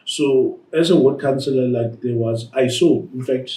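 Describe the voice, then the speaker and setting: A man's voice: medium pitch, normal speed, dark tone. A man hosting a talk show, chatty and eager, backing up his guests with lots of "mm" and "yeah", recorded from a distant mic in a roomy space. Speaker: host, ward councillor.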